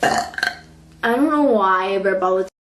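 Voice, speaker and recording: A woman's voice: medium pitch, a little slow, noisy background. A woman vlogger chatting casually to the camera, often burping between sentences. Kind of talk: casual vlog chat.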